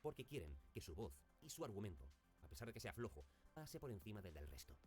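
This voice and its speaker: Man, speech teacher, lively rising and falling pitch, faint music behind. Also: quick pace. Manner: didactic, demonstrates intonation by repeating example phrases with shifting stress. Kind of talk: recorded video lesson.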